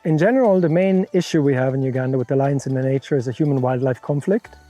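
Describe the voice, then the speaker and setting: A man's voice: medium pitch, fast talker, dark tone, soft background music. A middle-aged man from Europe, founder of a conservation center, answering interview questions frankly and laying out worked examples.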